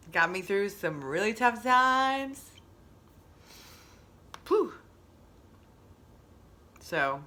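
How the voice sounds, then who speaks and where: A woman's voice: fairly low pitch, bright, forceful tone. A woman hosting a casual motivational monologue, reflective and repeating phrases for emphasis. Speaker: host.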